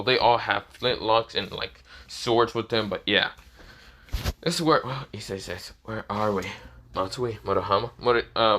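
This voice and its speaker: Male storyteller, improvised and rambling, bright forward tone, slightly low. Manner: rambling, repeats "this is where, well". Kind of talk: improvised fan-story narration.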